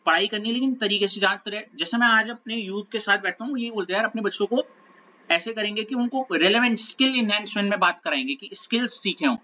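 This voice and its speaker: A man's voice: sits high, fast talker, pushed and bright, muffled recording, slight background noise. A male teacher giving a conversational classroom talk, often checking that his students are following. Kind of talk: classroom talk, lecture digression.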